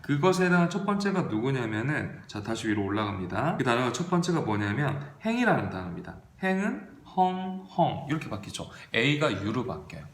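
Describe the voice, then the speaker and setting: A man's voice: medium pitch, very animated, a little fast, few pauses. A male English teacher giving an online video lesson, reading verb forms aloud in drills and asking and answering his own questions. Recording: roomy echo.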